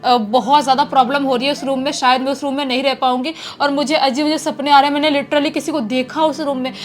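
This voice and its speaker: A woman's voice: sits high, fairly even intonation, fast, faint music behind, lightly acted. A woman voicing a timid young female medical student in a hostel. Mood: distressed.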